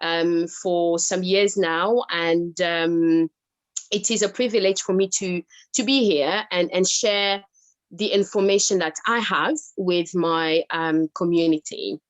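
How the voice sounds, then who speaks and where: A woman's voice: fairly low pitch, fairly even intonation, slow. A young woman from the Democratic Republic of Congo, a medical doctor, speaking as a guest on a video call, hesitant with many fillers as she switches between languages. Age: young adult.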